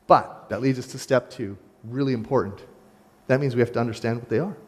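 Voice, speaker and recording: A man preaching a sermon as pastor, animated and speaking straight to his congregation, acting out the voices he quotes. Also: mid-range voice, brisk, husky. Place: church sanctuary. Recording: long hall reverb.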